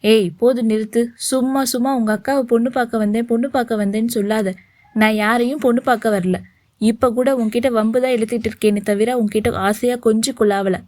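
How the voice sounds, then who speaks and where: A woman's voice: a little high, fairly even intonation, brisk, a little mellow, no room sound, lightly acted. A woman voicing a teasing, bossy young man who gives orders, read as part of a story. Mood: stern. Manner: teasing, commanding.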